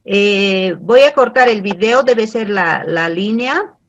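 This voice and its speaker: A woman's voice: mid-range voice, lively intonation, slow, highs cut off. A woman lecturing on a video call whose audio keeps breaking up, talking hesitantly with many fillers. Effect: choppy, breaking-up video call audio. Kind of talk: online class lecture.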